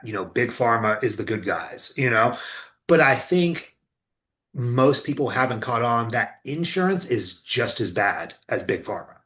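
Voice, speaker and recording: A man who is a co-owner and clinical director hosts a casual podcast conversation, speaking bluntly and swearing freely about the system. His voice is mid-range with a fairly bright tone.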